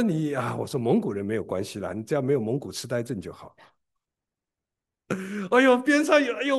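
A man from preaching a sermon, telling a story in an animated way and often repeating and restarting words. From Shanghai, China. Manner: animated storytelling with big pitch swings and frequent repeated restarts.

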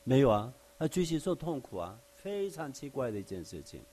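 A man with a mellow, mid-range, sing-song voice preaches briskly over slight background noise. His conversational Bible study goes verse by verse, mixing in everyday examples and rhetorical questions for his listeners.

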